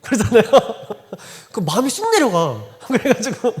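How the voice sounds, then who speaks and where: A man's voice: very high-pitched, huge pitch swings, a little slow. A male pastor giving a Sunday sermon in a church, telling stories conversationally and acting out the dialogue. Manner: conversational storytelling, acting out quoted dialogue, frequent laughter. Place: church sanctuary. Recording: long reverb of a church hall.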